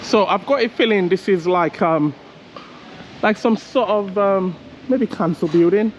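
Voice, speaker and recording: A man walks city streets filming his travel vlog, talking slowly and loosely and often laughing at himself. His voice sits fairly high, and the talk rambles from one thought to the next. Clear street noise and passing traffic run behind him. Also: lo-fi sound. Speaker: travel vlogger. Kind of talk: casual walking vlog.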